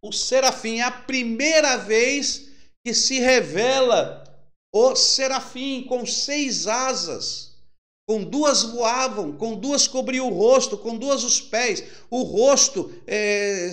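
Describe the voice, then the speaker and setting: High-voiced fervent male preacher, echoey room. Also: a bit bright. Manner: fervent, then slow and explanatory, spelling out letters on a board. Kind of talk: sermon with a Hebrew lesson.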